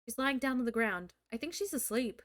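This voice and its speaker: A woman's voice: on the high side, expressive, a little fast, fairly bright tone, no echo, studio quality. A young woman livestreaming as a VTuber, reading a visual novel aloud and breaking off into crude, joking asides. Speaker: VTuber streamer. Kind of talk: live-streamed visual novel reading with commentary.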